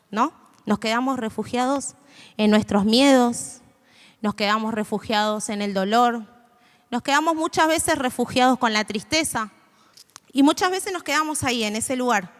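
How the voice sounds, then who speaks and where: A woman in her twenties, speaking for a youth church, gives an informal, hesitant sermon from a stage in a hall before a live audience, with many fillers and restarts. Her voice sits high with a fairly bright tone, and the hall adds long reverb.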